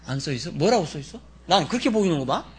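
A pastor preaching to a congregation, swinging from loud dramatic outbursts to soft near-whispers. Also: male voice, on the high side, big pitch swings, fast talker. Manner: dramatic, shouts in character then drops to near whispers. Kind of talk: sermon with congregation repeating verses.

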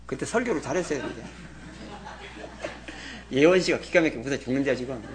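A man in his sixties preaching a sermon as pastor, scolding in a chatty way and swinging from loud exclamations to quiet asides. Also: medium pitch, brisk, noisy background.

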